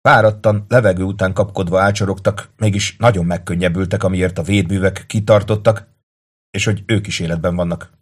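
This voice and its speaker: Husky low-voiced male narrator. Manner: steady dramatic reading. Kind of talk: audiobook narration.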